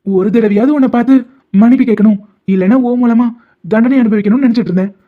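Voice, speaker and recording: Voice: medium pitch, quick pace, lightly acted. A voice actor playing a stubborn young man, a doctor, who teases the heroine with pet names and insists she is his wife. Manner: teasing, stubborn, calls her pet names. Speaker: male lead. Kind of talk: animated love-story dubbing. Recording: dull lo-fi audio with faint music.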